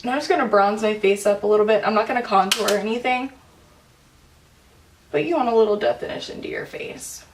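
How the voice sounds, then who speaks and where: A woman's voice: medium pitch, brisk, vocal fry, recorded from a distance, a little hiss or hum. A young woman chatting casually through a makeup tutorial at home, full of "like" and "um" fillers. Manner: chatty, filler-heavy, says "like" often. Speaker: beauty vlogger.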